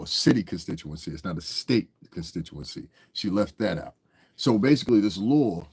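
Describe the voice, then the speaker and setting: With a low, darkish voice and a breathy edge, a man offers rambling livestream commentary while congested from a cold. He speaks casually and directly to viewers, often asking "you understand" to make sure they get it.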